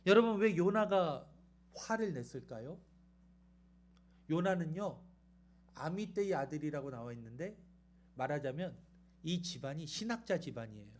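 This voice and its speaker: A man preaching a sermon in a church, retelling the story in a lively way and putting questions to the congregation. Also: fairly high pitch, normal speed, pauses often. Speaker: pastor.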